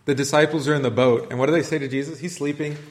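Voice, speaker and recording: A man leading an informal church class, talking conversationally and putting questions to the group. His voice sits at an ordinary middle pitch for a man. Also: steady tone, racing. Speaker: pastor teaching a class.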